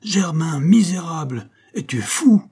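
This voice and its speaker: A man voicing an angry nobleman in an audiobook, shouting orders furiously. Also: a little high, expressive, slow pace, husky, voice pushed up, full character voice. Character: commanding male nobleman, harsh and angry.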